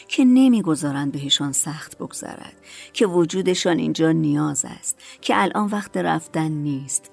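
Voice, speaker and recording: A woman narrating a storybook in a calm, measured reading voice. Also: lowish voice.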